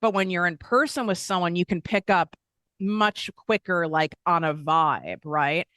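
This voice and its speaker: In a dry, studio-quality recording, a woman with a fairly low, fairly bright voice that is clear and resonant speaks at a measured pace. She is a business coach hosting a motivational solo podcast, talking candidly and energetically while acting out doubtful inner voices and laughing at herself.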